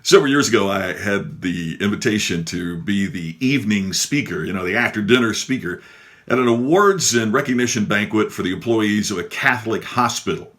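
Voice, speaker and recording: Low, bright man with dry comic timing. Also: lively intonation, brisk. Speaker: professional speaker. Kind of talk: humorous anecdote to camera.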